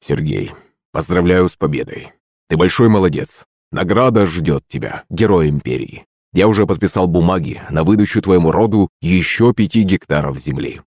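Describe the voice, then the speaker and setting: A man reading an audiobook, voicing an emperor who speaks in a measured, formal, approving way. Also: low voice, animated, a little mellow, no echo, clean studio sound, voice pushed down.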